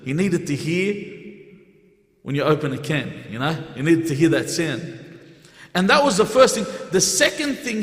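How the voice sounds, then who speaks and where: A man delivers a sermon in a relaxed, conversational way, turning to the audience with questions. His voice sits a little high. The sound carries a long reverb from a large mosque hall. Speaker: speaker giving a religious talk.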